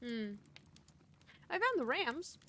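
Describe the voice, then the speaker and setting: A woman's voice: high-pitched, big pitch swings, pushed and bright, no room sound. A woman streaming a detective game, chatting casually and laughing easily with her co-player. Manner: easygoing, quick to laugh. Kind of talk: casual gaming chat.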